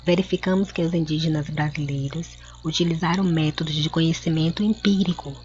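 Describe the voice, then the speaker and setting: Patient Brazilian woman teacher, low voice. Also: steady tone, darkish tone. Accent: Brazilian Portuguese. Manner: slow, clear, spelling words out for children. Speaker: schoolteacher. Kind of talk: recorded classroom lesson. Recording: dull lo-fi home recording.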